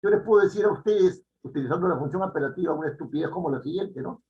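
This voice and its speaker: A male teacher lectures a class, his pitch rising and falling a lot and sitting somewhat high for a man. He repeats each key phrase and keeps checking in with tag questions. The classroom recording is dull and lo-fi. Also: animated, fast. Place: classroom before students.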